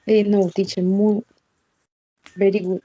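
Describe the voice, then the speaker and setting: A hesitant woman student speaks in a flat, mellow voice. Her short answers come through dry and lo-fi, with dull muffled sound. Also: mid-range voice, slow pace, no room sound.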